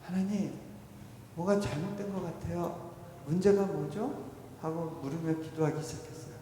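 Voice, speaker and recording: A man, a missionary, preaching a revival sermon and telling stories with acted quotes, swinging between loud and soft. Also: on the high side, normal speed. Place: church sanctuary. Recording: echoey church hall, faint noise.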